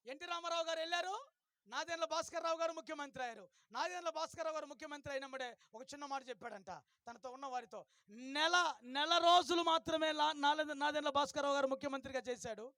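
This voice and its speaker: During a revival sermon, a male pastor tells a story, swinging from hushed tones to shouts and urging the crowd to clap and shout. His voice is extremely high-pitched, and the recording is dry.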